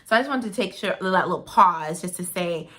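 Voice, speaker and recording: A woman's voice: on the low side, expressive, fairly quick, sharp tone. A woman co-hosting a casual show, telling everyday stories emphatically and dropping in folksy terms of endearment. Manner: emphatic storytelling with folksy asides like "honey" and "baby". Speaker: co-host of a lifestyle show. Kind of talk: casual chat.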